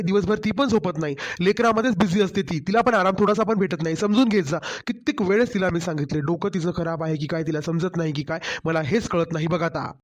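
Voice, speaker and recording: A caring young husband, voiced by a man for a cartoon story, speaking in a Marathwada Marathi accent. His voice is high for a man and rapid. He coaxes and worries. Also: natural voice. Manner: coaxing, concerned. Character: caring office-going young husband, gentle.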